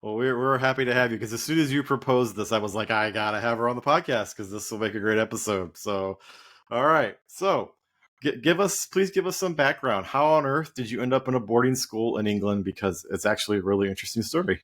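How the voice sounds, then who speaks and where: A man's voice: mid-range voice, brisk, fairly bright tone. A man hosting a podcast interview, friendly and enthusiastic, with some stumbles. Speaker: podcast host.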